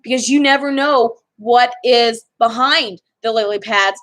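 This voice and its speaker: A woman's voice: on the high side, unhurried, fairly bright tone. A young woman chatting casually for her vlog, rambling and cutting herself off mid-sentence. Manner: chatty, rambling, self-interrupting. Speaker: vlogger. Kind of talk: casual chat.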